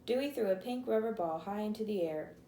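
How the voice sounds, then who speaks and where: A woman's voice: mid-range voice, a little fast, mellow, echoey room, a little hiss or hum, poor audio. A woman teacher reads a chapter book aloud to her class, lifting her voice for the characters' lines and stopping now and then to explain a word.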